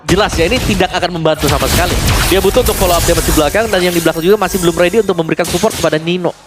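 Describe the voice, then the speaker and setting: Male esports caster and analyst, quick explanatory commentary, music clearly behind the voice. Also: sits high. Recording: game broadcast with loud music behind.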